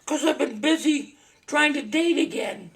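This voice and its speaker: Gravelly high-voiced older woman joking. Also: measured pace, far from the mic, crowd noise, rough recording. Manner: punchline delivery with laughter. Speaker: guest. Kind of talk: comic stand-up routine.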